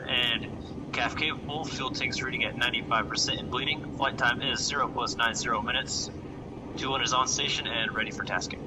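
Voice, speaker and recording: A man's voice comes over a radio, set back from the mic and half buried under loud aircraft noise. He reports in clipped, formal military radio procedure, steady and even in pitch. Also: recorded from a distance. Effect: heard over a radio. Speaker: gunship pilot in a game unit.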